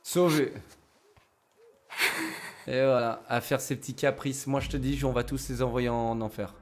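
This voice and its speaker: A man's voice: medium pitch, steady tone, measured pace, slight background noise. A young man giving casual let's-play commentary, slangy and sweary, talking to his viewers. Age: young adult. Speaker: video game streamer. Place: indoors at a streaming setup. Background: game music.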